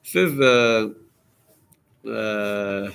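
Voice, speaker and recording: A man teaching a class as a rabbi, telling a story in a lively way, acting out what people said, with many fillers and restarts. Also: lowish voice, drawn-out words, creaky, clear, resonant tone. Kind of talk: storytelling lecture.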